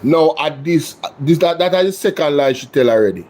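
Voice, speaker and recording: A Jamaican man hosts a live political reaction stream with an indignant, emphatic delivery. His voice sits somewhat high for a man. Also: expressive, a little fast, a little mellow. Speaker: political commentary host.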